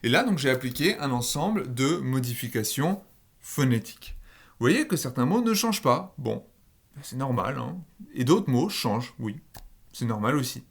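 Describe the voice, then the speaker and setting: A man explains phonetic rules in a recorded lesson at a middle pitch. He goes step by step, with fillers and small asides, and keys tap now and then in the background. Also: expressive, moderate pace, creaky. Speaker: linguistics teacher.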